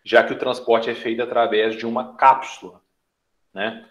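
A man's voice: mid-range voice, flat delivery, moderate pace, a bit bright, reverberant, dull audio. A young man with a Brazilian Portuguese accent, giving a lecture on a video call with earbuds, explaining and often adding tag questions. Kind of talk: online lecture to students.

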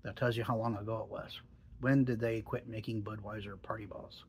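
A man's voice: fairly low pitch, steady tone, fairly quick, a little mellow, slight background noise. A middle-aged man chatting casually in a vlog, musing and hesitant, with dry jokes. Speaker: tobacco reviewer.

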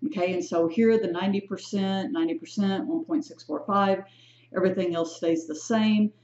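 At normal speed and in a slightly mellow, mid-range voice, a woman leads a recorded statistics lecture walkthrough. She chats, corrects herself, and keeps asking "right?" and "okay?", all in an echoey, dull, lo-fi room.

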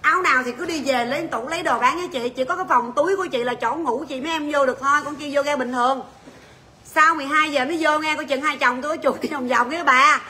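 High bright-voiced woman selling on livestream. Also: quick pace. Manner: chatty, joking, rattles off prices and buyer names. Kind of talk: livestream sales chat.

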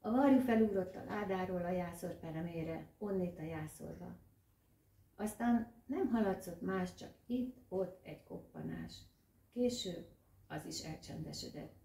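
A woman reading a storybook aloud in a measured, expressive way. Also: lowish voice. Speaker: reader. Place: library room. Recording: roomy echo, distant mic.

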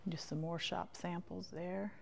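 A woman with a lowish, gravelly voice talks a little slowly and in a level tone while walking through a quilt shop. Her tour is casual and rambling, full of short folksy remarks that trail off, with slight background noise present.

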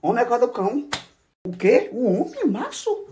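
A man's voice: very high-pitched, wildly swooping pitch, normal speed, warm tone, a little hiss or hum. A man in a casual phone story, talking straight to his viewers in a campy, dramatic, exclamatory way. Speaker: social media influencer.

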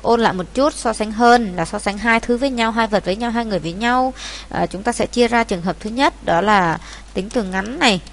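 A woman's voice: fairly high pitch, a little fast. A woman teacher from Vietnam patiently walking students through an exam, repeating key points as she goes. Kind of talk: exam walkthrough lesson.

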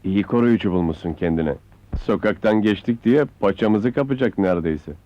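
A man's voice: on the low side, fairly quick, lightly acted. An actor playing a sly neighborhood man who needles a young couple in an old film. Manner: sardonic, needling. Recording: dry, dull film soundtrack.

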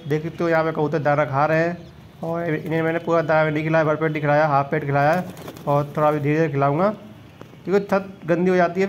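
A man's voice: fairly high pitch, slight background noise, low-quality recording. A man vlogging from his rooftop pigeon loft, chatting to viewers as he points out his birds, filmed on a handheld phone. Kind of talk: casual filmed walkthrough.

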